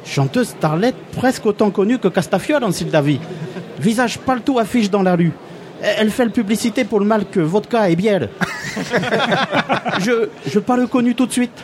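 A man's voice: high-pitched, normal speed, a crowd in the background, natural voice. A man voicing a cheerful, naive male refugee from a made-up Balkan country, with a put-on foreign accent and broken French grammar in a comic radio sketch. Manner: broken French, dropped verbs and articles.

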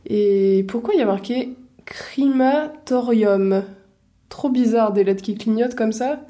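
A woman's voice: fairly high pitch, unhurried, dark tone, close to an everyday voice. A woman playing a wary young female adventurer in a casual interactive audio drama, colloquial and hesitant. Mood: bewildered.

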